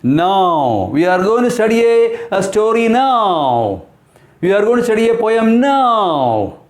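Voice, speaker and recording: A man teaching a class and pronouncing vowel sounds. He repeats words slowly and keeps asking his students questions. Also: high-pitched, sing-song. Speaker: English teacher. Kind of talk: classroom lesson at a blackboard. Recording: roomy echoing classroom.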